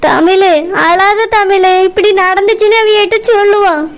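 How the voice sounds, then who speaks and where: This is a kind elder sister from a village cartoon voiced by a woman, speaking with a Kanyakumari Tamil accent. She comforts her crying sibling in a soft, reassuring tone. Her pitch is very high and squeaky. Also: fairly even intonation, moderate pace. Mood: soothing. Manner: soothing, reassuring. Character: gentle elder sister consoling a grieving mother. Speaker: cartoon character. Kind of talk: animated cartoon voice acting.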